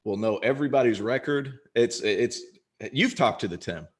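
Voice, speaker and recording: This former college basketball player turned podcast host has a medium-pitched, husky voice with lively intonation at normal speed. In a casual interview, he's chatty and self-deprecating, restarting often.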